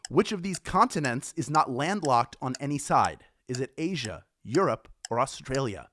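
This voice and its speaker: An upbeat man hosting a live trivia game, his voice swinging lively up and down as he reads questions and jokes with players. The sound is dry and close, with no room around it. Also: medium pitch, dry recording. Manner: upbeat, playful, chatty.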